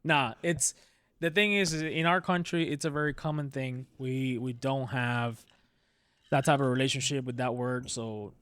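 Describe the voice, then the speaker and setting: A man's voice: mid-range voice, fairly even intonation, normal speed, fairly bright tone, clean tone, no room sound. A man born in Cuba, co-hosting a podcast in a casual, rambling chat full of laughs and restarts. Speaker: podcast co-host.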